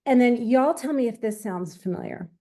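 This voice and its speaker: A woman's voice: a little high, lively intonation, normal speed, dark tone. A middle-aged woman from Georgia, hosting and introducing in a conversational style. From small town in eastern Georgia, USA. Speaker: host, team leader. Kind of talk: conversational introduction on a group call.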